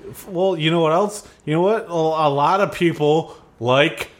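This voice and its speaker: A man's voice: on the high side, normal speed. A young man co-hosting a podcast, chatting casually and ranting with heavy swearing and jokes. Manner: profane, joking rants. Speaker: podcast co-host. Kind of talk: casual chat.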